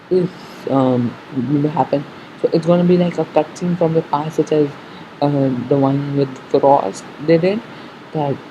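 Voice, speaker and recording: A fan giving casual commentary on an episode preview, haltingly thinking aloud, repeating and correcting themselves, on a muffled recording. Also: medium pitch, dark tone. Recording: muffled sound with faint background noise.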